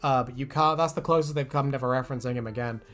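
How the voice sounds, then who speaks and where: A YouTube host with a fairly bright, mid-range voice races through reactions to fan predictions, chatting casually and jokingly. He rambles and swears freely in this comedic chat, with background music playing behind him.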